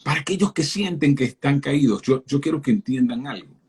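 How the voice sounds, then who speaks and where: A man's voice: mid-range voice, expressive, fairly quick, darkish tone, slightly rough. A man giving a fervent sermon-style talk as a guest speaker on a live stream, speaking directly to his listeners and often repeating words as he starts a phrase.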